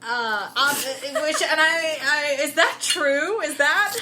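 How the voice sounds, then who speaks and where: A woman's voice: high-pitched, slow pace, a loud crowd. A woman co-hosting a casual book podcast, animatedly retelling scenes and quoting the characters. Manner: animated, acts out characters' lines in quotes. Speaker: podcast co-host. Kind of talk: casual book-club chat.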